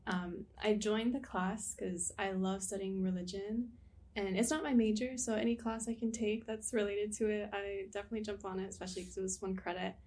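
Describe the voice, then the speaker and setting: A woman's voice: medium pitch, level tone, fairly quick, darkish tone. A young woman in college, a student guest answering in a friendly way with some ums. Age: young adult. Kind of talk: casual interview answers.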